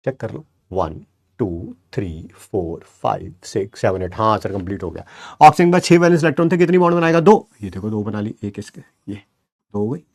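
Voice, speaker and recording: A man's voice: on the low side, expressive, a little fast, darkish tone. A man teaching chemistry in an online class, encouraging his students, counting aloud and answering his own questions as if he were a student, with English words mixed in. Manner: counts aloud while pointing at the board.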